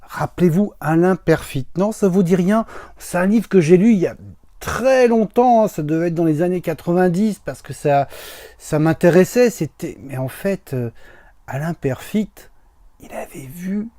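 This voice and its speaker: Male ranter, slightly high, dry sound, theatrically lost and fed up. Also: moderate pace, mellow, dry recording. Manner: exasperated, bewildered, theatrical sighs.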